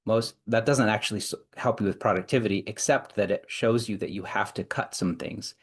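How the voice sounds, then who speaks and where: A man with a notably deep voice speaks as an interview guest. He lays out his points in long, careful chains of reasoning, often circling back to restart a phrase. The delivery is measured and explanatory. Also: husky. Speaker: clinical psychologist and executive coach, guest.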